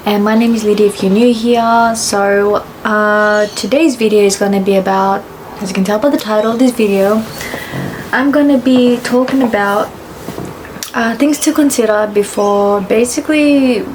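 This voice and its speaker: Young woman from fiji vlogging, medium pitch, rambly with lots of ums and restarts, noisy background hum. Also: normal speed. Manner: rambling, full of fillers and self-corrections. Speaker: travel vlogger. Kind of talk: casual to-camera chat. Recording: steady background noise.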